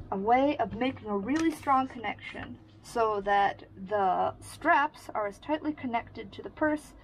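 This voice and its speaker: A woman's voice: fairly high pitch, slight background noise, low-quality recording. A woman giving a casual sewing tutorial, explaining each step in a friendly way while she works. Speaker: sewing instructor.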